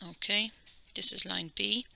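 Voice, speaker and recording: A woman's voice: mid-range voice, fairly even intonation, a little slow, vocal fry, pushed and bright, low-quality recording. A woman with an Irish accent teaching a maths lesson, explaining each step patiently and checking in with "okay?".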